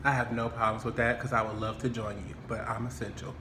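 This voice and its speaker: A man's voice: medium pitch, level tone, quick pace, background noise. A man hosting a casual chat, joking and laughing often. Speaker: host. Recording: echoey room, faint ambience.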